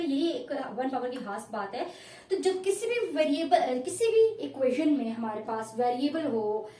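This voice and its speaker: A woman's voice: sits high, a little mellow, echoey room. A woman math teacher explaining a lesson step by step, patiently repeating each point and addressing her pupils.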